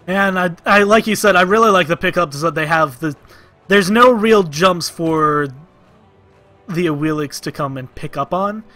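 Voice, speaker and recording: A man co-casting a video game match, giving steady analysis of team picks and bans. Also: sits high, normal speed, faint music behind. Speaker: esports co-caster. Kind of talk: esports casting commentary.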